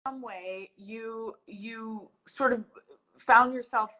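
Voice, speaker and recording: A woman's voice: fairly high pitch, slow, pushed and bright, low-quality recording. A woman hosting a livestream interview on a video call, upbeat and effusive when introducing her guest. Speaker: host, community manager.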